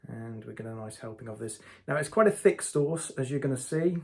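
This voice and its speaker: A man's voice: medium pitch, lively intonation, brisk, vocal fry, husky. A man hosting a casual hot sauce review vlog, talking straight to his viewers in a chatty way.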